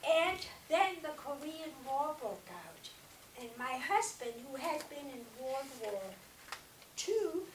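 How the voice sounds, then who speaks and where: Elderly German-born woman addressing students, slow and earnest, high voice, taped from across the room. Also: a bit bright. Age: older. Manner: earnest, direct, urges listeners. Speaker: Holocaust survivor speaking to students. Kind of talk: talk to a school class. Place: school classroom or hall. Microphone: no mic, recorded from across the room. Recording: roomy, distant, faint hiss.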